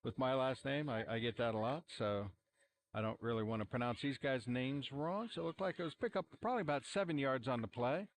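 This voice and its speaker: A man's voice: medium pitch, brisk. Casual man doing play-by-play commentary. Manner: relaxed, rambling, many fillers and restarts. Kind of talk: amateur sports commentary. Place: outdoor football stadium sideline. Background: cheering fans.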